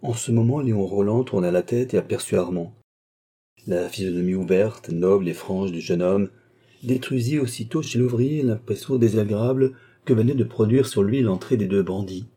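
A man reading a classic novel aloud as narrator, measured and steady. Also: on the low side, husky. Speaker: audiobook narrator.

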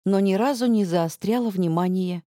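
A woman's voice: medium pitch, normal speed, dark tone, dry recording. Woman narrating a story, dry close sound. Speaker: audiobook narrator. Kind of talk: scripted first-person narration.

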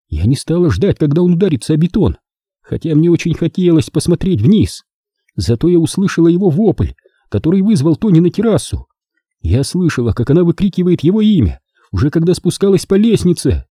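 A male reader voicing a husky, guilt-ridden woman who confesses in a tense, hushed way. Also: a little high, sing-song, fairly quick, no room sound, clean studio sound, pitched above the performer's own voice. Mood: confessing.

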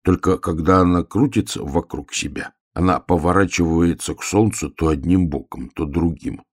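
A man voicing a young bear cub who talks slowly and a little pompously, as if he knows it all. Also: low voice, husky, dry recording, clean studio sound. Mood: musing. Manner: slow, knowing, a little pompous. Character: young bear cub, calm and self-important.

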